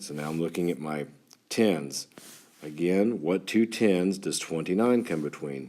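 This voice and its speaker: A man with a very low voice and a clear West Texas twang teaches like a schoolteacher talking to his students. His delivery is informal and folksy, explaining things step by step. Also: darkish tone. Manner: folksy, talks as if to a class of children. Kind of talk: instructional math lesson for students, informal.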